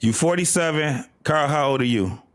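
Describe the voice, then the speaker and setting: A man's voice: on the high side, normal speed. A man in his fifties in a casual podcast debate, pressing his points with repetition and questions to the others. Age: 50s. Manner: emphatic, repeats points, asks others questions. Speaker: podcast co-host.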